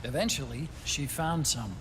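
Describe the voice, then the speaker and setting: An actor playing an earnest technical expert on a military team in a video game, explaining carefully. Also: male voice, medium pitch, moderate pace, noisy background, close to an everyday voice. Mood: earnest, reflective. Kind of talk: scripted video game acting.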